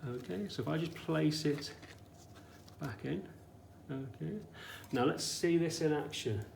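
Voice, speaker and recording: Indoors in an echoey room with faint background noise, a man teaches a practical science demo in a casual, explanatory style, often asking brief questions to make sure people follow. His fairly high voice is gravelly and darkish, at a measured pace.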